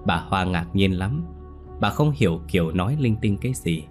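A man telling a ghost story in a calm, measured narration. His voice sits low, and quiet music plays faintly underneath.

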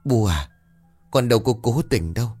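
A man's voice: medium pitch, expressive, normal speed, a little mellow, breathy edge, dry recording, faint music behind. A man voicing a guilty, terrified young village man who pleads and stammers before his father. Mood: pleading.

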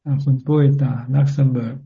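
A man, a Buddhist monk teacher, answers followers on a video call in a calm, measured and gently encouraging way. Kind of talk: answering questions in a video-call dharma talk. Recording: tinny phone-like call audio.

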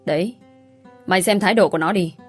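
A woman's voice: fairly low pitch, fast, slightly rough, faint music behind. A woman voicing a brash, bad-tempered female friend who scolds sharply. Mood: bitter.

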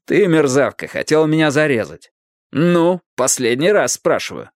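A man reading an audiobook voices a gruff, impatient private detective who snaps threats and orders. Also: a little high, big pitch swings, moderate pace, dry recording, clean studio sound, voice pushed up. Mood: stern. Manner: snapping, threatening, barking orders. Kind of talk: audiobook character voice.

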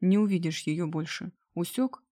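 A woman's voice: mid-range voice, normal speed, dark tone, breathy edge, no echo, studio quality, natural voice. A woman reading an audiobook voices a young man, a cold and commanding older brother.

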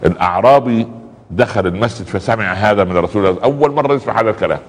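A very low-voiced man with an Egyptian Arabic accent preaches in a chatty, colloquial way, peppering his talk with pious exclamations. He speaks quickly, and his voice carries a long reverb from the space. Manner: conversational, repeats pious exclamations, acts out little dialogues.

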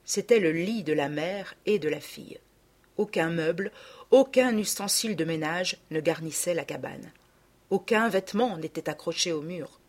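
Woman calmly narrating a children's classic. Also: fairly low pitch, normal speed.

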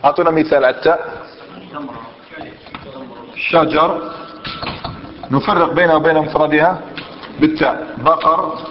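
A man's voice: a little high, a little hiss or hum. A man teaching a grammar lesson, quizzing his students and mixing dialect into his explanations. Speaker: Islamic scholar teaching Arabic grammar. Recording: dull lo-fi sound, long hall reverb.

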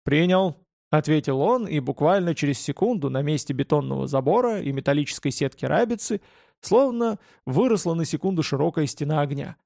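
A man narrating a first-person fantasy audiobook in a calm, steady reading voice. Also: fairly high pitch, a little fast, vocal fry, no echo, studio quality.

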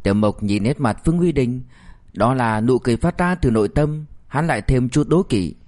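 Male audiobook narrator; even, steady reading at middle pitch. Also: moderate pace. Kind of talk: scripted novel narration.

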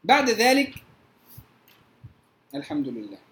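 A woman with an Egyptian Arabic accent teaching Quran recitation rules. She draws out her recited examples slowly and often checks whether her students follow. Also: mid-range voice, huge pitch swings. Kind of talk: tajweed lesson. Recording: roomy echo.

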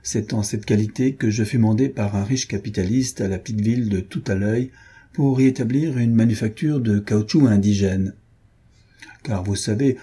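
A man's voice: medium pitch, warm tone, slightly rough, natural voice. A man reading the part of a weary, sly male beetle-keeper who tells a tall tale in a languid, knowing way. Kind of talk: audiobook character voice.

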